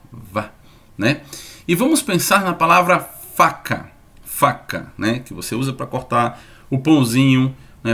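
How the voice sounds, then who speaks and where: A man teaching an online lesson, lively and repeating sounds slowly to demonstrate them. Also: mid-range voice, creaky.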